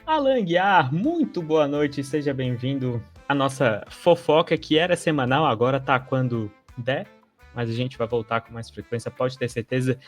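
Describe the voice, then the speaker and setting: A man hosting a podcast in a casual chat, loud and joking, with a Brazilian Portuguese accent. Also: medium pitch, expressive, normal speed, soft background music. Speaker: podcast host.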